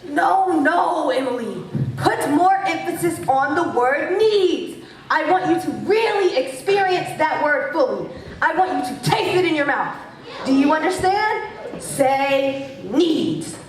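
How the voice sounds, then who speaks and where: A domineering old schoolteacher barks orders in a high, swooping voice, played by a young woman on stage. The sound comes from far off in an echoey auditorium. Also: animated, slow. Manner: domineering, bossy, theatrical. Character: strict, cruel older woman schoolteacher and director. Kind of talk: school stage play acting.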